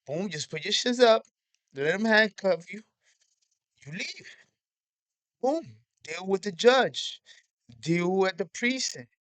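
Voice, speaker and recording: A man's voice: high-pitched, lively intonation, slow pace, pauses often, a bit bright, no room sound. A man hosting a reaction video, giving blunt, profane, matter-of-fact commentary.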